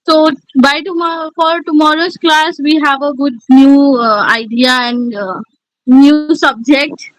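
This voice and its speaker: A woman's voice: sits high, measured pace, soft background music, low-quality recording. A woman with an Indian English accent, a communication skills trainer giving feedback in an online class, encouraging and full of "you know" fillers.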